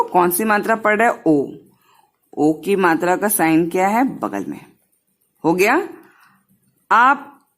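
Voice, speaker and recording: A woman teaching young children a Hindi lesson, sounding out each syllable patiently and mixing in English words. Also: medium pitch.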